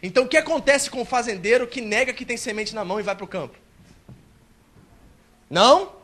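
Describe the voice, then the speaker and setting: A male pastor preaching a sermon at a church service, animated and acting out a believer's complaints. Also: very high-pitched, a little fast.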